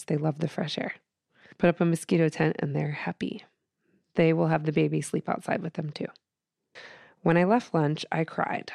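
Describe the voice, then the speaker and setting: A woman's voice: deep voice, vocal fry, darkish tone, no echo, clean studio sound. A woman guest on a podcast, reading from her journal and talking in an earnest, emotional way with many fillers.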